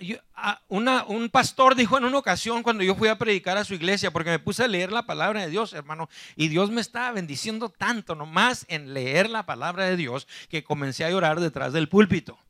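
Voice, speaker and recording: A man preaching a sermon in church, fervent and emotional, constantly calling out to his brothers and rising to shouts. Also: sits high, brisk, few pauses, no room sound, clean studio sound. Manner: fervent, calls out "hermano" constantly, rises to shouting.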